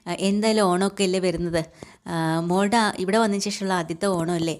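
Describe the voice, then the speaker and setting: A woman voicing a kindly middle-aged father fond of drink, speaking in a gentle, fatherly way. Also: mid-range voice, fairly even intonation, fast, natural voice.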